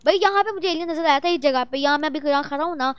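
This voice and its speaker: A woman chatters through horror gameplay in a high, bright register. She is excitable and jittery, bursting into loud exclamations as she plays. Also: rapid-fire. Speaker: gaming vlogger. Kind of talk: Roblox horror gameplay commentary.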